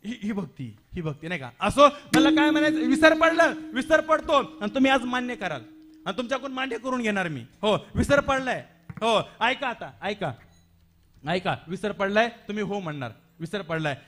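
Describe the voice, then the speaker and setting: A man's voice: high voice, lively intonation, normal speed, bright, forceful tone. A man preaching a devotional kirtan sermon with a Marathi accent, dramatic and full of rhetorical questions and repetitions.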